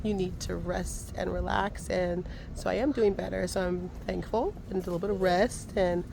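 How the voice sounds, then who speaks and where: A woman hosting a casual tour of her home garden outdoors, her voice raspy from a cold, upbeat and thankful as she points things out. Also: medium pitch, heavy background noise. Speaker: gardening vlogger.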